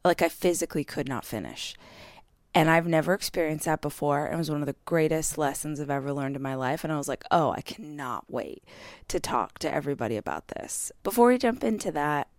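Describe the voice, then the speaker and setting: A woman's voice: deep voice, expressive, brisk, no echo, studio quality. A woman hosting a chatty solo podcast, her voice scratchy and swollen-sounding from strain, speaking candidly and directly to listeners. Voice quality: scratchy, swollen-throated hoarse voice. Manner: candid, self-deprecating, addresses listeners directly. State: vocally strained from hours of speaking on tour. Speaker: podcast host. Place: hotel room.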